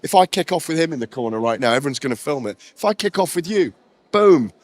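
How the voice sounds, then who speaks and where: Animated man, close and dry. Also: a little high, quick pace, no echo. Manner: expansive, animated, digresses and repeats himself. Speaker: interviewee on a red carpet. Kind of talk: excited casual chat. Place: busy indoor event.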